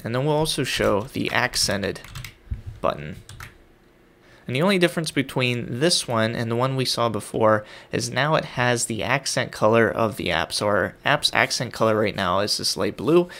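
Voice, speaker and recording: A man's voice: fairly low pitch, vocal fry, bright, forceful tone. A man casually talking through a coding tutorial, thinking aloud as he types and builds an app. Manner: casual, thinking aloud while typing code. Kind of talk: screen-recorded coding tutorial.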